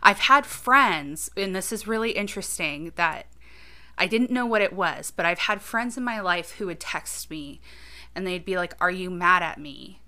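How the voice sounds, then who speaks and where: A woman's voice: medium pitch, expressive, normal speed, pushed and bright. A woman in her thirties chatting casually on a podcast, thinking aloud and often saying "you know". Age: 30s. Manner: reflective, talks things through with many "you know"s. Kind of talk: casual conversational chat.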